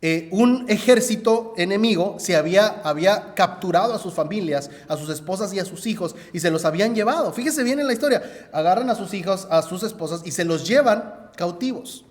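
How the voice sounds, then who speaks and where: A male preacher retells a story in a sermon and keeps turning to speak directly to his listeners. His voice sits a little high for a man. It rings out with a long reverb, as if recorded in a church hall. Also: lively intonation, brisk.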